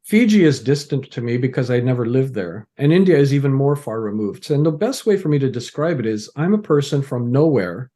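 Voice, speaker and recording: Speaking in a warm voice on the high side, a middle-aged Canadian podcast guest keeps the interview conversation casual. He often restarts as he explains ideas by way of anecdotes and analogies.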